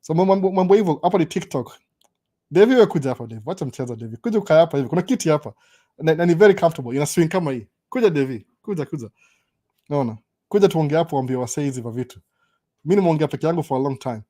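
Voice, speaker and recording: A young man with a Kenyan accent talks quickly on a casual live stream, now and then tripping over his words and starting again. His voice is dark and mellow, pitched a little high for a man. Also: animated. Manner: mixes Swahili and English, stammers and restarts. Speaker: host.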